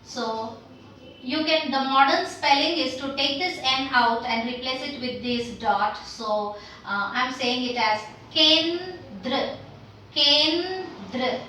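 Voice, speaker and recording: Slow, bright-voiced woman teaching Hindi letters. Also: sits high, slight background noise. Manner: patient, repeats sounds slowly for learners. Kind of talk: language lesson. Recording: roomy echo, mic at a distance.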